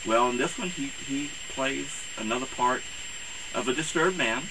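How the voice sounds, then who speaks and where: A man speaking as a campy horror host, introducing things in a rambling, halting, theatrical way. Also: mid-range voice. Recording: clear hiss and background noise.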